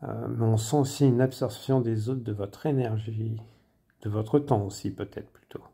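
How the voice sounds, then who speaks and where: A man working as a medium, giving a spontaneous general reading, hesitant with many fillers and pauses, sometimes dropping to a near-whisper. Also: medium pitch, fairly even intonation, creaky, mellow, slightly rough. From France. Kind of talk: spontaneous spoken guidance.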